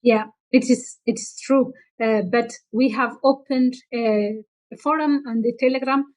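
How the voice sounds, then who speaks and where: A woman's voice: on the high side, steady tone, unhurried, a little mellow, poor audio. A woman moderating an online workshop in a polite, hesitant way. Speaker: webinar moderator.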